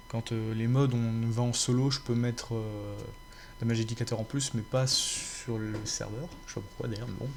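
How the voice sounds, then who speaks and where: A man chats casually to his viewers, rambling and restarting his sentences, with plenty of fillers. His voice sits at a middling pitch. A faint hum runs under the recording. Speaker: gaming YouTuber.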